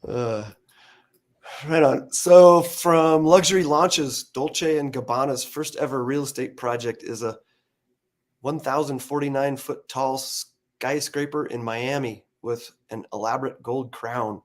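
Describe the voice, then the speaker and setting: A man's voice: medium pitch, fairly even intonation, measured pace. A man hosting a podcast, chatting casually about real estate news in a loose, hesitant way with lots of fillers. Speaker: podcast host. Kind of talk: casual chat over a call.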